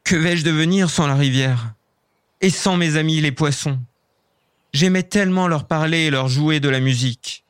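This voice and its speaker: A man voicing a small sad pointy-eared water elf in a storybook, plaintive and soft. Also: a little high, normal speed, smooth, dry recording, pitched above the performer's own voice, close to an everyday voice.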